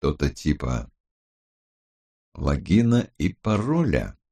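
A man voicing a calm, terse male criminologist in an audiobook, speaking low and level. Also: slow pace, husky, full character voice. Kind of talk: audiobook character voice.

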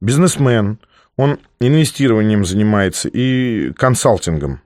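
A man's voice: fairly low pitch, lively intonation, measured pace, darkish tone, dry recording, clean studio sound. A man reading a novel aloud, voicing a nineteen-year-old female student who answers in curt, sulky, defensive retorts.

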